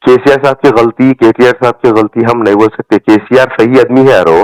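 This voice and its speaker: A steady, mid-range male voice, a little mellow and fairly quick, comes through with no room sound. The speaker, a party supporter from Telangana, India, with a Hyderabadi accent, rants about politics during a casual recorded phone call, emphatic and colloquial and repeating phrases.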